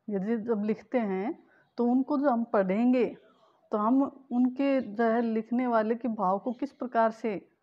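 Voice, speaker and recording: Woman teacher explaining grammar real slow and patient, kinda muffled lo-fi audio. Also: medium pitch. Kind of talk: grammar lesson to students.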